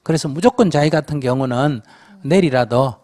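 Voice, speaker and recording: A man's voice: mid-range voice, brisk, a little mellow. An older man, a Buddhist monk, bluntly advising a questioner in a Q&A talk, scolding and teasing. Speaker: Buddhist monk giving advice. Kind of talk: Q&A dharma talk.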